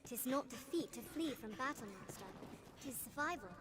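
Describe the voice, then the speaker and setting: A woman's voice: sits high, fairly quick, background noise, natural voice. A woman playing an earnest, dutiful fantasy companion in a video game, speaking in archaic, formal phrases. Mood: earnest, cautioning. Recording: quiet game audio under music. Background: game music.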